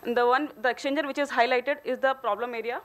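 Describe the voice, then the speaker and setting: Fast and fairly bright, with a fairly high pitch and steady tone, a female engineer with an Indian accent walks a conference through her company's technical case study. She's on stage at a podium in a hotel conference hall.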